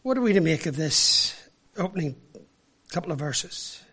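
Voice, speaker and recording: A man from Ireland, preaching a sermon with emphatic rhetorical questions and deliberate pauses. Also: fairly high pitch, lively intonation, sharp tone, husky. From Northern Ireland.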